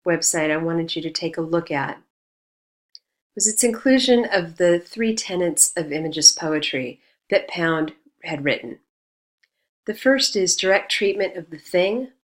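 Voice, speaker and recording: A woman teaching a recorded lesson on poetry, explaining in a measured way and reading quotations aloud. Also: lowish voice, lively intonation.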